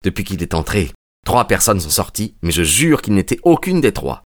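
A man's voice: low voice, big pitch swings, moderate pace, dry recording, clean studio sound. A man voicing an earnest young male detective in an audiobook, in a determined, earnest manner. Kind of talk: audiobook character reading.

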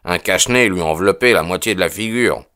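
A blunt working-class constable, gruff and uneasy, as a man reads him aloud in an audiobook. He stumbles through rough colloquial phrases with plenty of hesitant fillers, his voice sitting low and deep. The sound is close and dry, with no room around it. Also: quick pace, sharp tone, no room sound. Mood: defensive. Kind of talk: audiobook character voice.

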